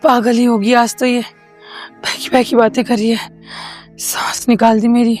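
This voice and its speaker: A woman's voice: on the high side, little pitch movement, normal speed, darkish tone, faint music behind, lightly acted. A woman playing a worried mother who coaxes her daughter to eat in an amateur horror drama. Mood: puzzled. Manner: coaxing, fretful. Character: worried, caring middle-aged mother.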